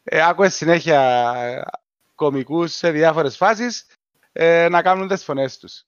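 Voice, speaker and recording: A man with a Cypriot Greek accent, co-hosting a podcast in a measured, explanatory casual discussion. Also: a little high, smooth, no room sound, muffled recording. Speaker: podcast co-host.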